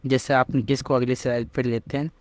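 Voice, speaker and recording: A man's voice: medium pitch, little pitch movement, fairly quick. A man teaching a reading lesson step by step, patiently asking questions and answering them himself. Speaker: language teacher. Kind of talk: slow step-by-step script lesson.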